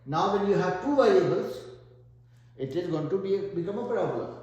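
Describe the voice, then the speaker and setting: Thinking aloud, an Indian-accented man tutors math, solving problems one step at a time. He talks fairly quickly with lively intonation in a high, slightly mellow voice. The audio is dull, recorded in a very echoey room.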